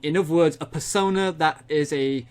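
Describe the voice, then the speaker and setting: A man's voice: a little high, moderate pace, slight background noise. A man running a comedy tabletop game as game master, laughing often and playful.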